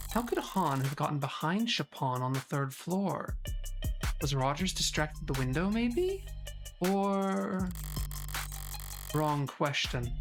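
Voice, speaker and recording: Low-voiced determined defense attorney, deliberate, read by a woman over music. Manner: deliberate courtroom argument, building up points. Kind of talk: reading a courtroom visual novel aloud. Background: background music.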